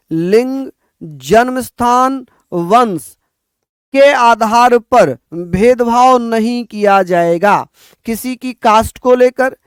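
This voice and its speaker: High-voiced man teaching exam prep. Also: clear, resonant tone, no echo, studio quality. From Uttar Pradesh, India. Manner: addresses students as bhaiya, repeats points for dictation.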